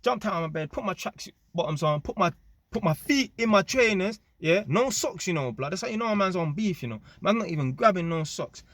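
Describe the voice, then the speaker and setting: Man, fairly high-pitched, casual storytelling, slang-heavy, animated. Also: a little fast, no room sound. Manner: slang-heavy, animated, with frequent tag questions. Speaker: vlogger.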